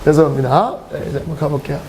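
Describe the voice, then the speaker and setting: A man's voice: a little high, quick pace, background noise. A middle-aged man teaching English to a class, telling joking stories and laughing between sentences. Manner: animated, joking, often laughing mid-sentence. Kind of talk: lecture with humorous storytelling.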